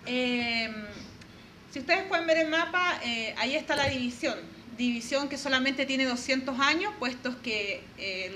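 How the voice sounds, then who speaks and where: A woman from northern Chile, giving a formal presentation to an audience in an earnest, measured way, with frequent pauses and fillers. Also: high-pitched, pushed and bright, slight background noise.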